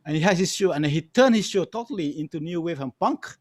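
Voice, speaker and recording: A middle-aged guest storyteller with a Malaysian accent talks fast and expressively in a voice on the high side, recounting anecdotes on a panel. He is casual and emphatic, repeats phrases and keeps saying "you know." He is also a music archivist, and the recording is dry.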